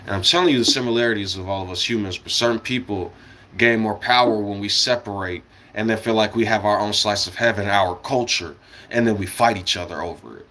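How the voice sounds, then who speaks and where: This is a live streamer from the United States whose fairly low voice comes out fairly quick, bright and forceful. He rambles through a casual monologue, sharing blunt opinions with curse words and meandering tangents.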